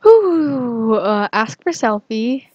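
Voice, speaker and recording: A woman narrating her gameplay in a casual, giggly and excitable way. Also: on the high side, drawn-out words, no room sound, highs cut off. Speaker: gaming vlogger.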